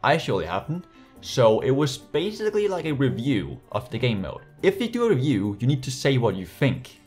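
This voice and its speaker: In his small bedroom, a young Danish man with a slight accent reads viewer comments for a casual YouTube vlog, breaking into sarcastic, laughing asides and frequent restarts. His medium-pitched voice swoops wildly, moves fairly quickly, and is a little mellow with a breathy edge. A USB desk mic picks him up, with faint music behind.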